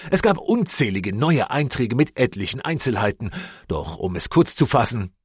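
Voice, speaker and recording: A man's voice: mid-range voice, big pitch swings, moderate pace, husky, no echo, studio quality. A man reading a first-person story aloud as an audiobook narrator, with dramatic delivery. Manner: dramatic reading, voicing shouted lines.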